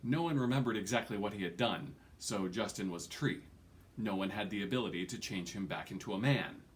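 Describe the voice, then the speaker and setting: In a small furnished room at home, a man in his forties sits at his desk recording an audiobook of a fantasy novel. He reads fairly quickly in a lowish voice, with dramatic emphasis and the odd stumble, over slight background noise.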